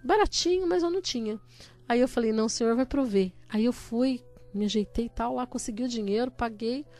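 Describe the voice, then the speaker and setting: A woman's voice: a little high, fairly quick, warm tone, soft background music. A woman giving an earnest personal religious testimony and acting out her own prayers as she tells it.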